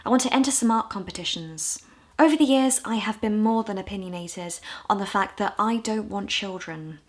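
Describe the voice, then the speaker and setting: A woman from the UK in her twenties, talking candidly and with self-deprecating humor in a casual vlog, her voice a little hoarse. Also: mid-range voice, moderate pace. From United Kingdom. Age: 20s. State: hoarse, low on voice. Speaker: vlogger.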